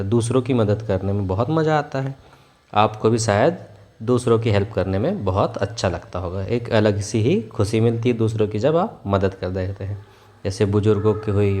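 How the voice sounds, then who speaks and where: A male teacher giving a worksheet lesson to young children, patiently explaining and repeating words slowly for pupils to echo. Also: fairly low pitch, a little mellow.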